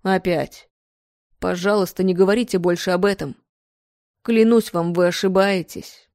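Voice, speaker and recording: A brusque male painter answers in short, clipped lines, read by a woman. Her voice stays dark and mellow, in a dry, close recording. It is plain storybook reading rather than heavy acting. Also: on the low side, steady tone, normal speed, no room sound, close to an everyday voice. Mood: tender. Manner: curt and brusque. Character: male painter, curt, irritated, then tender.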